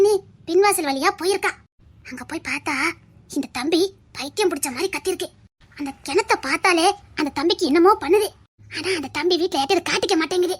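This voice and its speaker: A woman's voice: very high-pitched, fairly bright tone. A woman voicing a blunt, wise old village grandmother with a Tirunelveli accent, scolding and teasing her granddaughter in a one-voice audio drama. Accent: Tirunelveli Tamil.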